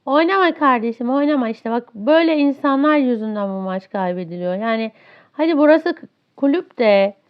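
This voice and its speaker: A high-pitched woman talks over her gameplay in a frustrated, ranting way, complaining about a teammate. The audio is a bit dull and lo-fi. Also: expressive, fairly quick, clear, resonant tone. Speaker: gaming streamer. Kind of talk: live gameplay commentary.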